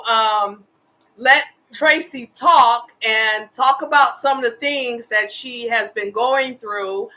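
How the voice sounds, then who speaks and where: Hosting a relaxed live show, a woman in her fifties speaks as an advocate for homeless women with heartfelt, passionate conviction. Her voice is a little high, bright and forceful.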